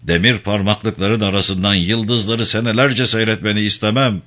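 A man's voice: fairly low pitch, fairly even intonation, moderate pace, sharp tone. A man voicing a cunning male intelligence interrogator who coaxes and threatens in a raised, persuasive voice in a story reading. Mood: pressing. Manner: smooth persuasive pressure, raised voice.

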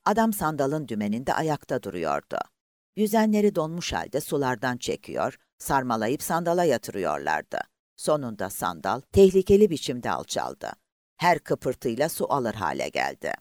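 A man reading a novel aloud as an audiobook narrator, with a dramatic, highly varied delivery. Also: huge pitch swings, moderate pace, a little mellow, dry recording, clean studio sound.

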